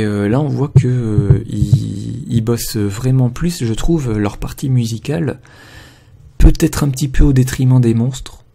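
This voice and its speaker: A man talking casually as a video blogger reviewing an album, hesitant and full of filler pauses. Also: mid-range voice, vocal fry, mellow.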